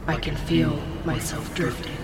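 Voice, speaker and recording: A man voicing the imprisoned, weary mother of monsters in a slow, solemn, drowsy way. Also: fairly high pitch, monotone, creaky, pitched above the performer's own voice. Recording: echoing distant voice over loud music.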